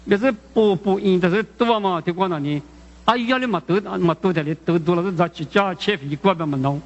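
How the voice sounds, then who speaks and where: In a high voice, a man preaches a sermon, stumbling and repeating phrases as he poses questions to those listening. The recording sounds dull and muffled, and a large hall gives it a long echo.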